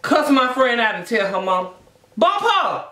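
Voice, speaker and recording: A vlogger chatting casually and bluntly to viewers between bites of food, telling things in an animated way. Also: mid-range voice, moderate pace. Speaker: mukbang vlogger. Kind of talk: casual chatty mukbang vlog while eating. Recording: echoey room.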